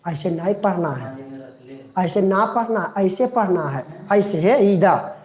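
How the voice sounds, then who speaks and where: Slow, repetitive male teacher. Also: high voice, lively intonation, darkish tone. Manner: slow, repeats phrases, coaxes students to recite along. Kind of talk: live online class lecture. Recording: roomy echo.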